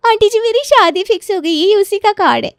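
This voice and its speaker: A woman's voice: very high voice, fairly quick, no echo, clean studio sound. A woman voicing a cheerful young woman sharing her wedding news in a cartoon story. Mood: excited.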